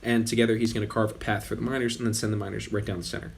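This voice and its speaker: Gravelly and slightly rough, his low voice races through casual game commentary. The young man hosts a gaming channel, is losing his voice, and rambles in a relaxed way with frequent self-corrections.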